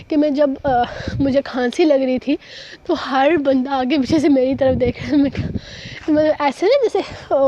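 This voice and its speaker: A woman's voice: high voice, dark tone. A young woman with a cough hosting and reading a novel aloud in a chatty, rambling, informal way, in a slightly muffled recording with a faint hum. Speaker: novel reader and YouTube host. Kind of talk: chatty vlog intro and story reading.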